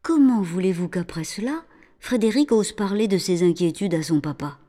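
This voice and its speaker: A woman narrating a children's story in an expressive, lively reading voice. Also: mid-range voice, normal speed.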